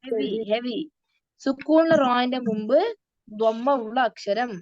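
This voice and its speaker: Woman teaching kids, slow drawn-out speech, fairly high voice, dry dull lo-fi sound. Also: darkish tone, no echo. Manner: mixes English into her talk. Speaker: Quran recitation teacher. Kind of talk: online class teaching kids.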